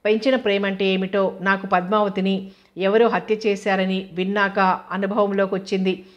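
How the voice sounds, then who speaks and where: A woman's voice: mid-range voice, level tone, normal speed, dull audio, natural voice. A woman voicing a remorseful middle-aged man who confesses his crimes in an audio novel. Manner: pleading, self-accusing.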